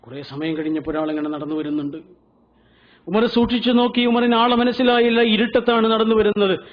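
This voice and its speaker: High-voiced Malayali preacher, lo-fi recording. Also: male voice, fairly quick. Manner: dramatic, emotional retelling with repeated refrains. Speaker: Islamic preacher. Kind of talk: sermon storytelling. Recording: dull lo-fi recording.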